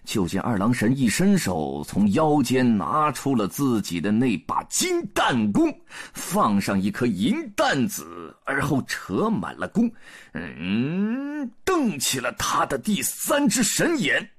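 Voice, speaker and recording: A man telling a story, animated and swinging from hushed to loud. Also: medium pitch, a little slow, husky. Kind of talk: dramatic storytelling.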